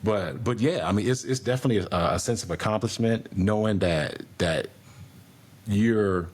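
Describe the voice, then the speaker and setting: A middle-aged man, an air traffic controller appearing as a podcast guest, talks in a casual conversational interview. His voice is on the low side and he goes at a moderate pace, laid-back and rambling, with many restarts and fillers.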